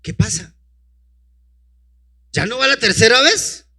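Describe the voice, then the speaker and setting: A man's voice: extremely high pitch, very animated, slow, sharp tone. A man preaching a sermon, reading scripture aloud and breaking in with rhetorical questions to the congregation. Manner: calls out to a helper to advance the slides.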